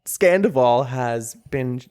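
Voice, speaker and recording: A man's voice: mid-range voice, animated, slow pace, darkish tone, clear, resonant tone. A man hosting a podcast in a casual, joking way, laughing often. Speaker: podcast host.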